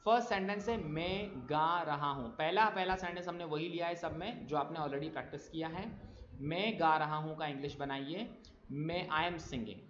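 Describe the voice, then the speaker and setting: A man teaching spoken English, reading example sentences slowly and clearly with quick explanations in between. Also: fairly high pitch, fairly bright tone. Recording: echoey, dull lo-fi room sound.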